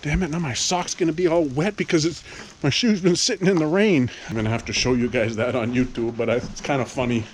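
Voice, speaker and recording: A man's voice: a little high, steady tone, fairly quick, slight background noise. A man filming a casual farm vlog outdoors in the rain, exasperated and laughing at himself, getting winded as he hops around. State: out of breath. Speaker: farm vlogger.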